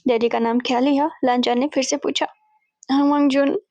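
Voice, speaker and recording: A woman's voice: sits high, fairly even intonation, moderate pace, warm tone, no echo, lo-fi sound. A woman casually retelling a fanfiction story, chatty and mixing in English words as she voices the characters' lines. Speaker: fanfiction narrator.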